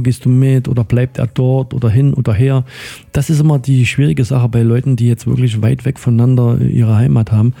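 A man's voice: mid-range voice, vocal fry, dark tone. A middle-aged man hosting a radio chat, rambling with many fillers and friendly questions. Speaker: radio host. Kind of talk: casual interview chat.

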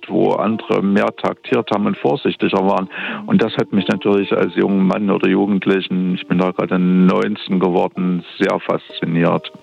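A man's voice: lowish voice, creaky. A man in his fifties from Dresden, a guest on the phone, answering thoughtfully with fillers and restarts. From Dresden, Germany. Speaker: academy director, phone guest. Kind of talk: phone interview. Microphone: telephone line. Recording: dull lo-fi phone line.

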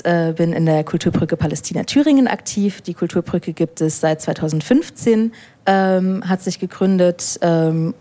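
A woman's voice: on the low side, mellow. A woman from Weimar welcoming the audience and moderating a book reading in a friendly way with some fillers. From Weimar, Germany. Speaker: event moderator. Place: event venue before an audience.

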